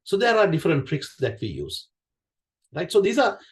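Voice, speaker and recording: A man with a rather high, wildly swooping voice talks at a moderate pace in a Sri Lankan accent; he is a native Sinhala speaker. As a QA director at a conference session, he covers technical material conversationally, repeating phrases and often asking questions followed by "right?".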